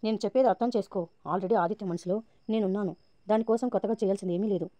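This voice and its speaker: A woman's voice: medium pitch, rapid-fire, warm tone, no room sound, natural voice. A woman narrator reading the lines of a naive, pushy young woman. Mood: impatient. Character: naive pushy young woman chasing her sister's husband.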